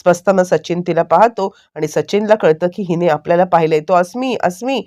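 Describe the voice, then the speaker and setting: A woman's voice: fairly low pitch, steady tone, a little fast, warm tone. A woman narrating a TV serial recap casually, with fillers and self-corrections.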